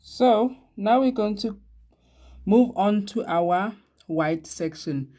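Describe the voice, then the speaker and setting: A woman's voice: mid-range voice, lively intonation, takes it slowly, mellow. A woman hosting a casual beadwork tutorial, chatty and laughing at herself now and then. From Eswatini. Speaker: beading tutorial host.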